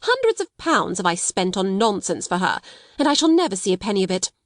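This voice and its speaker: A woman's voice: medium pitch, sing-song, fairly quick, no echo, lightly acted. Woman playing a fierce, commanding schoolmistress, dry sound. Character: stern, bitter, domineering schoolmistress, cold older sister.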